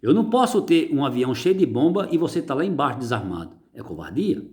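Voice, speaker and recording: A man, reading and preaching on religious writing, emphatic and slowing on key words, soft and quiet when closing. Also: mid-range voice, big pitch swings. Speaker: religious teacher.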